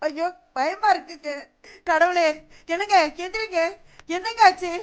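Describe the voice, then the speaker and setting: A woman's voice: very high voice, unhurried. An actress playing a panicked middle-aged wife, pleading and sobbing over her collapsed husband. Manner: sobbing, pleading, repeating calls. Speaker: wife in a TV serial. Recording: dramatic background music.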